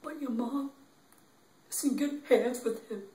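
An actor playing a young man who gently consoles his grieving girlfriend, speaking in a halting, tearful, repetitive way. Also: extremely high pitch. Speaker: actor in an improv demo reel. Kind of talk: improvised dramatic monologue. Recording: roomy, distant from the mic.

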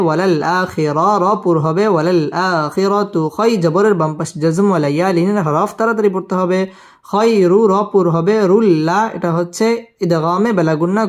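A man teaching a tajweed spelling lesson, spelling each letter and vowel aloud before reciting the verse in long, drawn-out melodic phrases, with quick, matter-of-fact pronunciation rules in between. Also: sits high. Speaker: Quran teacher.

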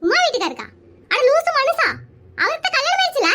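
A squeaky, very high-pitched cartoon housewife, voiced by a woman scolds. She nags sharply and quickly, shrill from start to finish. It is a village family comedy cartoon. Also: lively intonation, fairly bright tone. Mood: scolding. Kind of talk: animated cartoon dialogue.

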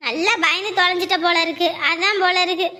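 A woman's voice: very high voice, fairly even intonation, fast, sharp tone. A woman playing a young wife who nags and scolds her husband. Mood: scolding. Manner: nagging, scolding.

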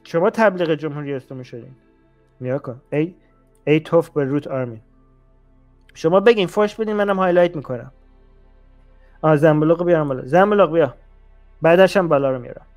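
Male stream host, high voice, argumentative and questioning, faint music underneath. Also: pauses often, darkish tone. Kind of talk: live stream chat with callers.

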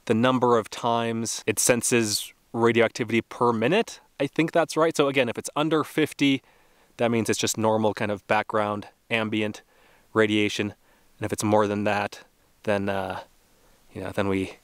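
Thinking aloud with small laughs, a young adult man narrates his relaxed outdoor travel vlog from a remote test site. He speaks on the low side in a steady, smooth tone at a moderate pace, with no echo.

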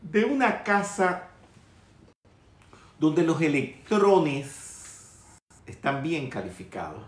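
A man gives an unhurried spiritual lecture in a trained, projected voice that sits a little high for a man. He teases and scolds his listeners with humorous asides. The recording carries a roomy echo. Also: very animated. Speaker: metaphysics teacher.

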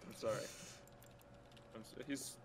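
A man chatting casually while playing a game, joking, swearing freely and laughing a lot, with game music behind. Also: unhurried. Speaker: let's play gamer. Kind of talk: casual gaming chat.

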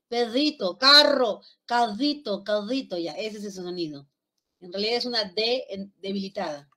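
A woman's voice: a little high, a bit bright. A woman from Lima with a Peruvian accent, teaching a class and demonstrating speech sounds aloud, checking in with her students often. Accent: Peruvian Spanish (Lima). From Lima, Peru. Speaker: lecturer. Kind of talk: online class lecture.

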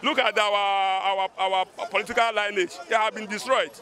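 A man's voice: high voice, fairly even intonation, normal speed, sharp tone. A middle-aged man interviewed outdoors on a city street, complaining emphatically and repeating his points into a handheld mic. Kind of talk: street vox pop opinion. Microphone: handheld mic held by interviewer. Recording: busy street crowd behind. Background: chattering street crowd.

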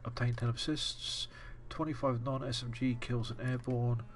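A man's voice: medium pitch, steady tone, measured pace, a little hiss or hum. A man commenting live on his gameplay, joking with family and muttering through menus. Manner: chatty and joking, muttering to himself over menus. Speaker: gaming streamer and father.

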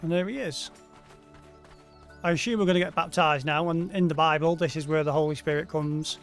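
High-voiced man doing casual game commentary. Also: brisk. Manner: wry, offhand asides. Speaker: let's play host. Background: game music.

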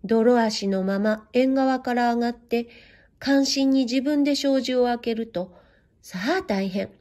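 Female narrator for a classic children's tale, soft and measured, mellow tone with a slightly high pitch. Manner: gentle, measured storytelling in a warm, old-fashioned tone. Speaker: narrator reading a children's story. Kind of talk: scripted storybook narration.

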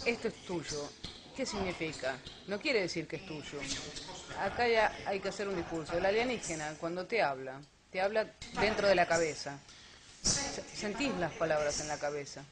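Explaining speaker over crowd noise. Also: medium pitch. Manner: explanatory, rhetorical questions. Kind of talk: lecture on alien abduction.

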